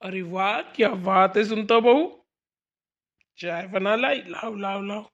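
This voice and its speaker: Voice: medium pitch, lo-fi sound, close to an everyday voice. A voice artist playing a teasing old father-in-law in a cartoon. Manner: slow, teasing. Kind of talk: cartoon voice acting.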